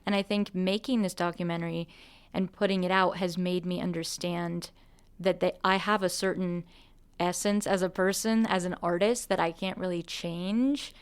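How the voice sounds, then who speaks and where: A woman's voice: on the low side, steady tone, normal speed, clear, resonant tone. A woman hosting a podcast, an artist talking earnestly and musingly, with restarts and light laughs. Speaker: podcast host and musician. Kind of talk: reflective conversation.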